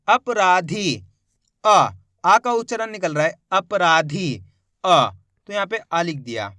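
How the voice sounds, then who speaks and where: Male spelling teacher, high-pitched with a crisp, resonant tone, patient and repetitive. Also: bright, forceful tone, dry recording, studio quality. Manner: patient, repeats and drags out each word to spell it. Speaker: Hindi reading teacher. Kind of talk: spelling lesson for beginners.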